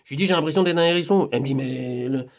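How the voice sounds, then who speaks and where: A man's voice: fairly high pitch, very fast. A man, a hypnotherapist, rambling in a casual monologue, talking to an unseen friend and swinging from muttering to exclaiming.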